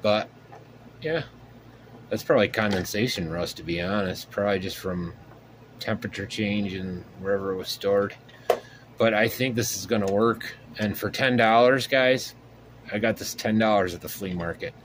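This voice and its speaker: Speaking at a normal speed in a fairly low voice, this RC hobby channel host works at his home workshop bench over a noisy background. It's a casual show-and-tell, and he thinks aloud with plenty of fillers as he handles his project.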